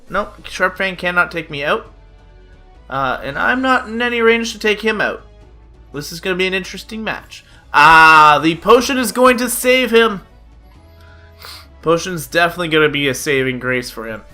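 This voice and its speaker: A young gaming YouTuber's high, bright voice carries a forceful tone as he chats through card game play-by-play. He's slightly nasal because of a cold and fills gaps with frequent "uh." Background music accompanies him.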